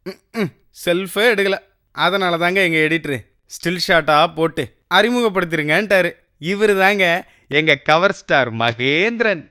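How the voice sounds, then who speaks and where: A man's voice: sits high, unhurried, bright, forceful tone, clear, resonant tone. A man narrating a comedy short film in a teasing, mock-dramatic voice-over.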